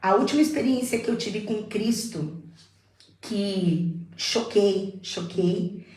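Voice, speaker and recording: A woman's voice: medium pitch, normal speed, echoey room, background noise. A middle-aged woman in casual chat, telling an emotional faith testimony and repeating herself for emphasis. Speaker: guest.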